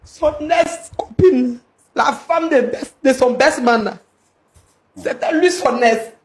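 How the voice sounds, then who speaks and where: A woman's voice: sits high, slow, echoey room, slight background noise. A woman confronting her husband, accusing him and repeating herself insistently. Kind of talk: heated confrontation.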